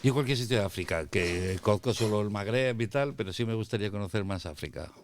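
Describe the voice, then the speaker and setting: A man around fifty, born in Italy and raised in Asturias, a guest speaking in a calm, measured way in a casual chat. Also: on the low side, slight background noise. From Bari, Italy; raised in Asturias. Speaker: podcast guest.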